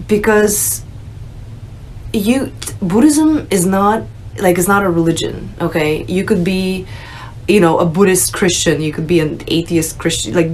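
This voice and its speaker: A young woman from Russia talks straight to her viewers in a loose, unscripted way, full of "you know" and small restarts. Her voice sits a little low for a woman, with a faint hum of room ambience behind her. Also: poor audio. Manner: casual, conversational, many fillers like "you know". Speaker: vlogger sharing her conversion story. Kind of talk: unscripted personal talk to camera.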